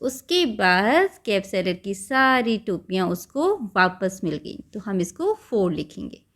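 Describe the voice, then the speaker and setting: A woman teaching young children from a school workbook, slow and patient, mixing Hindi and English and stressing each word as she reads it aloud. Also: medium pitch, sing-song, fairly bright tone.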